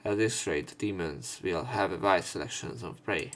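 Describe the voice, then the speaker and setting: Here a man with a low but slightly bright voice reads a visual novel aloud at an even, moderate clip as part of a let's play. He breaks in now and then with relaxed comments, swearing at times.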